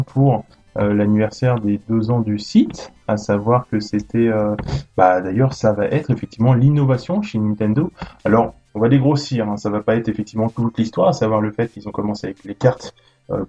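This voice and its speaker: A man's voice: lowish voice, dark tone, husky, dull audio. A man hosting a casual gaming podcast, chatty and full of fillers and restarts. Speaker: podcast host.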